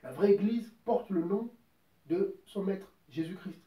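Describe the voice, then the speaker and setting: A man delivers an informal sermon in a slightly high but mellow voice, repeating himself for emphasis and quoting scripture at length. He sits back from the microphone, and the room adds a noticeable echo. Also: lively intonation, unhurried, distant mic. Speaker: preacher. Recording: roomy echo, voice from off mic.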